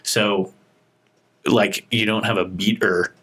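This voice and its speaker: Male talk host, low-pitched, nerdy and playful, easygoing chat delivery. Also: steady tone, takes it slowly, a bit bright, breathy edge. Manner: chatty, self-described word nerd with playful asides. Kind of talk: casual chat.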